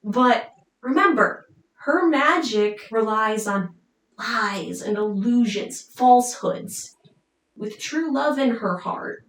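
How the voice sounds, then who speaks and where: Slow chatty lady telling a story, kinda far from the mic, echoey room. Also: fairly high pitch. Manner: chatty, unhurried, with pauses. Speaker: storyteller summarizing an opera. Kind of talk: casual storytelling. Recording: roomy, mic at a distance.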